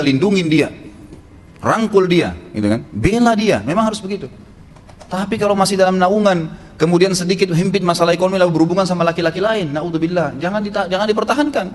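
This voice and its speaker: A man preaching a sermon with blunt, emphatic advice. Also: a little high. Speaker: Islamic preacher. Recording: long echo in a hall, faint noise.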